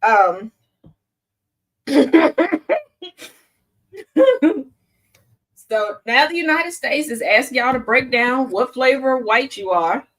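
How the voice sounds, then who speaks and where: A woman's voice: high-pitched, lively intonation, very slow, long pauses. A woman hosting a casual commentary show in a sassy way, often breaking into laughter. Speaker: host.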